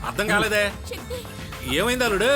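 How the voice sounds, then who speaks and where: A man's voice: sits high, steady tone, brisk, music in the background, lightly acted. A middle-aged man playing a father who sounds bewildered and whines comically in dubbed film acting.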